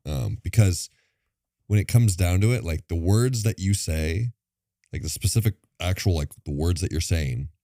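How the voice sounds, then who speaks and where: A man co-hosting a podcast in casual chat, rambling with plenty of filler words and toying with fast and slow delivery. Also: sits low, warm tone, no echo, clean studio sound. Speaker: podcast co-host.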